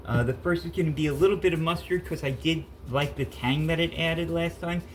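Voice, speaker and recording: Cooking in his own kitchen for a relaxed vlog, a fiftysomething man with a head cold talks in a fairly high, brisk voice, chatty and meandering, stopping to correct himself. The recording is low quality, with a little hiss or hum.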